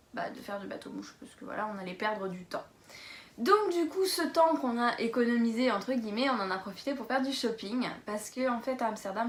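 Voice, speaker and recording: Young woman vlogger, chatty and hesitant, higher voice, echoey room. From Lorraine, France. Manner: chatty, hesitant with many fillers, laughs easily. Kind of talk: casual travel vlog talk.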